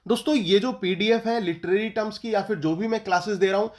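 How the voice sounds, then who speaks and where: High-voiced Indian teacher quizzing his class. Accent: Indian English. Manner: slow dictation of English notes, then explains and quizzes in Hindi. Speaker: English literature teacher. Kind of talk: exam-prep lecture.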